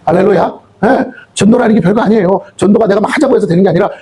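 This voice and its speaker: A man's voice: sits high, very fast, warm tone, breathy edge. A man pastor preaching a fervent sermon in a church, often tossing questions back to the congregation.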